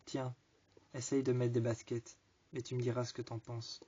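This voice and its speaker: A weary, teasing young man, quoted by a storyteller, with a flat, dark, husky voice and a soft, sighing delivery. He sounds impatient, and the recording is dull and lo-fi. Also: medium pitch, moderate pace, close to an everyday voice.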